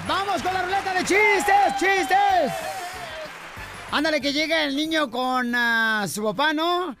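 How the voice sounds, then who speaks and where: A man hosting a rowdy comedy radio show, loud and joking, often shouting punchlines. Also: very high voice, slow pace, music in the background, a crowd in the background.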